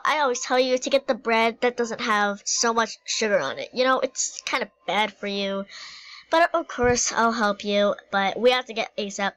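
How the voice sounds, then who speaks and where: A sassy, bossy apple lady with a high, lively voice who scolds and calls people darling and honey, as a woman puts her on in a homemade animal skit. She sounds clearly pitched up from the performer's own voice. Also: rough recording.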